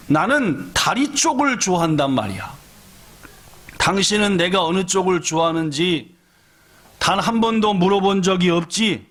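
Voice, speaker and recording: A bitter old wife in her sixties scolds her husband, her voice shooting up high and shrill with resentment, as a preacher puts her on. Each complaint climbs sharply in pitch, snapping with accusation. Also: fairly bright tone, heavily acted. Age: older. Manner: angry scolding, shrill rising voice. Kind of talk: sermon storytelling.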